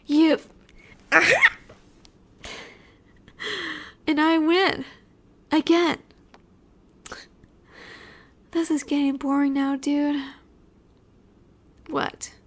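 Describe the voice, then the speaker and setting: Defiant and triumphant, a woman voices a cocky werewolf alpha in a flirty audio roleplay, her high voice taking its time over every line. She taunts and teases, confident that she rules the encounter.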